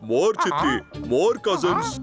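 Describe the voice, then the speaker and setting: A man's voice: fairly high pitch, sing-song, a little slow. An actor voicing a cheeky male sidekick in a dubbed cartoon, teasing and jokey. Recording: clear music under voice.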